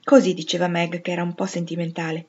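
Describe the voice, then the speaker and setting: A woman narrating a classic novel in a measured, steady way. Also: fairly low pitch, breathy edge, muffled recording. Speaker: audiobook reader.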